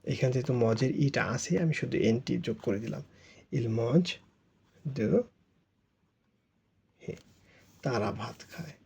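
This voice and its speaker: A man's voice: mid-range voice, moderate pace, creaky, pauses often, darkish tone, slightly rough. A Bengali-speaking man teaching French grammar, explaining it step by step with patient repetition and spelling words out letter by letter.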